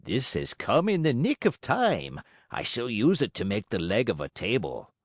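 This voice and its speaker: A man's voice: mid-range voice, huge pitch swings, normal speed, no echo, clean studio sound. A man voicing a funny, easily frightened old carpenter in a storybook, muttering to himself theatrically. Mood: pleased muttering.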